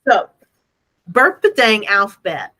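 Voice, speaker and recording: A woman host with a bright, punchy voice talks in a casual, motivational style. She takes her time, repeats phrases for emphasis and comes across as playful and a little self-deprecating. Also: medium pitch, big pitch swings, slow pace. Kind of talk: casual business motivation chat.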